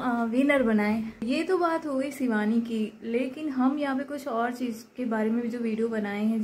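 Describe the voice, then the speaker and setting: A woman's voice: high-pitched, dark tone, a little hiss or hum, low-quality recording. A woman vlogger, giving her opinion in a casual, emphatic and indignant way, repeating her points. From Uttar Pradesh, India.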